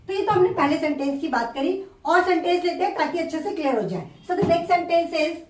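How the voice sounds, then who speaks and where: Woman teacher, high voice, slow word-by-word explaining, recorded far off in an echoey room. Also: lively intonation. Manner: explains slowly, repeating each example word by word. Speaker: English teacher. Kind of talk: classroom grammar lesson.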